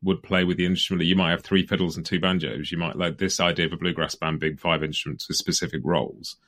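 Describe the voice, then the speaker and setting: Casting: male interview host, very low voice, relaxed thinking-aloud questions. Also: fast talker. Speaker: podcast host. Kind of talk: casual interview chat.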